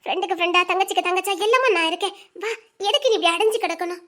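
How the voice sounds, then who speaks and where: A woman's voice: extremely high pitch, very fast, pushed and bright. A woman playing a caring young friend who coaxes and reassures in an audio drama. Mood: coaxing. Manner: coaxing, reassuring. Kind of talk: Tamil audio drama acting.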